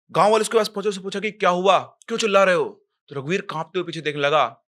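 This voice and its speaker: A young man narrating a horror story in a casual, dramatic way, getting louder in tense moments and dropping to a hush, with chatty asides to the listener. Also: on the high side.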